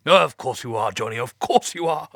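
A man voicing a nervous, flustered male space-program chief who babbles and repeats himself in a high, strained voice. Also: very animated, normal speed, vocal fry, fairly bright tone, no room sound, clean studio sound, heavily acted. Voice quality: high strained voice, forced cheer.

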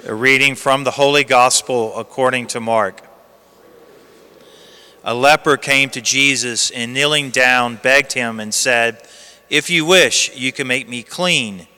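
Priest in cathedral echo. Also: male voice, mid-range voice, measured pace, sharp tone, clear, resonant tone. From United States. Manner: earnest, storytelling. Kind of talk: gospel reading and homily. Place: large church. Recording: long church reverb.

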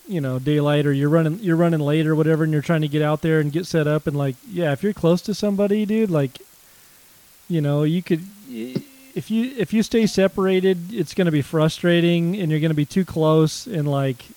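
A man talking hunting in loose conversation, full of restarts and filler. His voice is mellow and a bit high, and the recording is dry and close. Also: dry recording, rough recording. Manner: rambling, lots of fillers and restarts, says dude. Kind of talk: casual chat about duck hunting.

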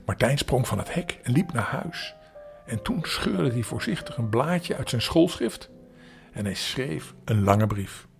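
An older man from the Netherlands reading a bedtime story aloud for children, gentle and expressive with small slips. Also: medium pitch, a little slow, creaky, faint music behind.

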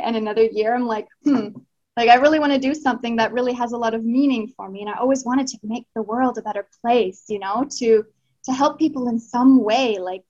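Woman guest, heartfelt and rambling, slightly high voice, dull lo-fi line. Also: a little mellow. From Canada. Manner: earnest, heartfelt, many fillers and restarts. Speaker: guest, Tantra teacher. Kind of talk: casual podcast interview.

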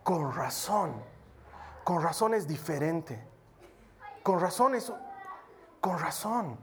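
A male preacher voicing an earnest young female university student who asks him a question with quiet admiration. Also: fairly high pitch, animated, slow pace, a little hiss or hum, full character voice.

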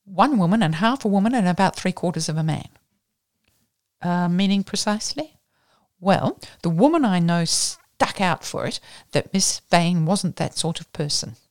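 An Australian woman voicing a flippant upper-class English gentleman detective, talking in a breezy, rapid, self-mocking way. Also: lowish voice, lively intonation, dry recording, studio quality, lightly acted. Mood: brisk.

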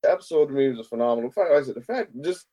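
Excited man chatting casually. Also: medium pitch, very fast, dull audio. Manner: excited, animated, swears casually. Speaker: podcast co-host. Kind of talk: casual chat.

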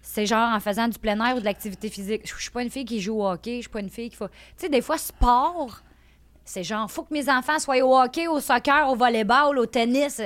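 A woman's voice: on the high side, fairly quick. A woman in her thirties with a Québécois French accent, telling stories as a guest in a casual chat. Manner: animated, emphatic storyteller. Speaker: podcast guest.

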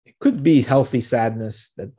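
A man teaching a Torah passage, reading the verses slowly and then translating and explaining them, often asking rhetorical questions. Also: mid-range voice, dark tone, breathy edge.

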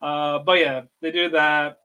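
A man's voice: on the high side, flat delivery, unhurried, bright, forceful tone, clean tone. A man co-hosting a podcast, recapping an anime in casual chat, loose and full of fillers and swearing. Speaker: podcast co-host.

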